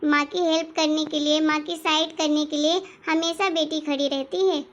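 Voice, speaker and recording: Lady playing soft-spoken young aunt expecting a baby, very high voice, cartoon story. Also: steady tone, moderate pace, lightly acted. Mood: tender. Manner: soft, reassuring. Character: gentle expectant young aunt, hopeful for a daughter.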